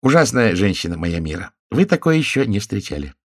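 A man's voice: lowish voice, very animated, brisk, no echo, studio quality. A man voicing a jolly plump alien husband who clowns around and sings out of tune. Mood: jovial. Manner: boisterous, sing-song.

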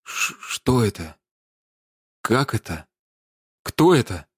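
A cowardly young man whines and stammers through his excuses, as a male narrator acts him out. His storybook voice moves animatedly in pitch. The recording is dry and close. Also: expressive, a little slow, no echo. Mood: pleading. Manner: whining, stammering, pleading. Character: cowardly, lying young man, pleading and bleating.

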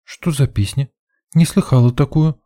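A man's voice: moderate pace, dry recording, clean studio sound, natural voice. A man putting on an eager young woman explorer. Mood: curious. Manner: high-pitched, excitable girlish voice. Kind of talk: audiobook character voice.

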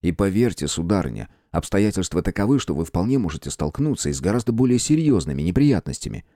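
A man reading an audiobook, voicing a calm, formal gentleman detective with measured, courteous speech. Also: sits low, no room sound, studio quality. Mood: firm. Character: calm, firm gentleman detective of old times.

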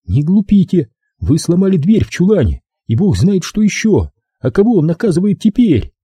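A male audiobook reader voicing an angry, bitter adult woman held captive in chains, speaking in a raised, higher voice. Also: very animated, normal speed, mellow, breathy edge, no room sound, full character voice. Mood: scornful. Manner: bitter, snapping.

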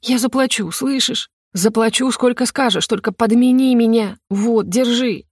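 A woman's voice: on the high side, normal speed, a little mellow, slight background noise, voice pushed up, close to an everyday voice. A woman doing a desperate, pleading girlfriend. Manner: begging, breathless. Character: frightened pleading young woman friend.

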